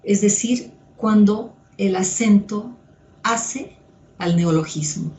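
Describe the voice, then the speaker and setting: A woman psychoanalyst giving a measured, step-by-step lecture with occasional fillers. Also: medium pitch, darkish tone. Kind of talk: slow didactic lecture. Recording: echoey room.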